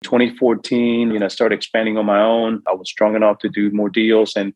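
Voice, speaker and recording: A middle-aged New York real estate investor, appearing as a guest, earnestly tells his life story, voicing the thoughts in his own head. His fairly low, darkish voice stays level and brisk in this emotional account, on a dry recording with poor audio.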